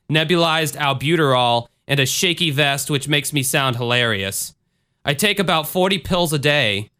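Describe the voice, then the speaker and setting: A man's voice: a little high, pushed and bright, clean tone. A man hosting a podcast in a casual, informal, conversational style, sometimes reading aloud. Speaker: podcast host.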